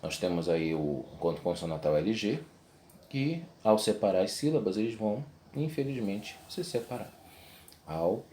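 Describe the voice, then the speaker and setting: Male teacher, lowish voice, step-by-step explaining, faint hum behind. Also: expressive, moderate pace, mellow. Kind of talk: video lesson.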